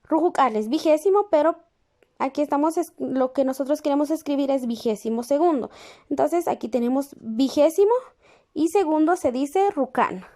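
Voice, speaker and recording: A woman teaching a lesson, speaking patiently and pausing to check in with the class. She repeats each word slowly while writing it down. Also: high voice, animated, warm tone. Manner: checks in with the class through questions. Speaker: language teacher.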